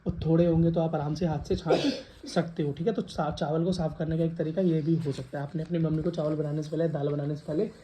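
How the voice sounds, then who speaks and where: A man's voice: fairly high pitch, flat delivery, fast, mellow. A male teacher with a Western Uttar Pradesh Hindi accent giving a classroom science lecture, calling students beta and asking questions to the class. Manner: addresses students as beta, asks and repeats questions.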